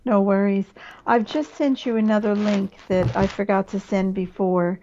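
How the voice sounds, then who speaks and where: Easygoing woman guest on a muffled headset mic, rustling as if inside a sleeping bag, voice dark, faint hiss behind. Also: mid-range voice. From Australia. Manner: easygoing and agreeable, quick to reassure. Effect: muffled, rustling sound as if inside a sleeping bag. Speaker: podcast guest. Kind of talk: casual chat. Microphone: headphones with a built-in mic.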